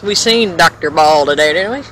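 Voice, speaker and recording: A woman's voice: low-pitched, expressive, moderate pace, fairly bright tone. A woman giving casual, folksy running commentary outdoors as a paranormal vlogger, often asking questions aloud to unseen listeners. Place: outdoors in a cemetery. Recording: noisy outdoor handheld camera audio. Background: clear outdoor ambient noise.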